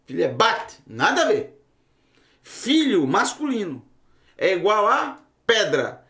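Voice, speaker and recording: Man, high voice, emphatic teacher with rhetorical questions; roomy echo. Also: wildly swooping pitch, slow, sharp tone. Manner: emphatic, rhetorical questions, bursts into raised exclamations. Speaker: Hebrew teacher. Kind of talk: teaching a Bible-language lesson.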